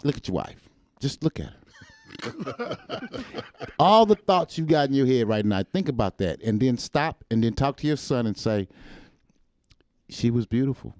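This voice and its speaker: A man's voice: medium pitch, big pitch swings, unhurried, pauses often, no room sound. A man joking crudely and telling stories in a casual podcast chat. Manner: loose, crude, storytelling.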